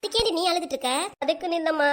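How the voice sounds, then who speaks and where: A woman's voice: very high voice, lively intonation, racing. A woman voicing a tearful young married daughter who is crying in a cartoon.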